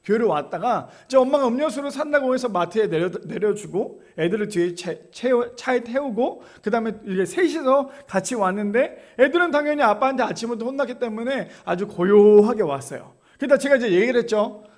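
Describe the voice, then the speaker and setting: High-voiced man preaching conversationally. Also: expressive, fairly quick, hardly any pauses. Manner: conversational, asks the congregation rhetorical questions. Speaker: pastor. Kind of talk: sermon. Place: church.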